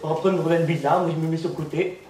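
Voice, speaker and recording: A man doing a stand-up comedy routine as a naive, deadpan village simpleton, tagging his lines with "hein". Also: on the high side, racing. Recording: roomy, noisy recording from far off.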